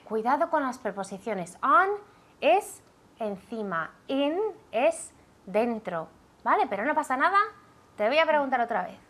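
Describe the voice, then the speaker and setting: A woman teaching a language lesson, drilling pronunciation clearly and checking in with her student often. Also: on the high side, expressive, unhurried, fairly bright tone. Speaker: English teacher.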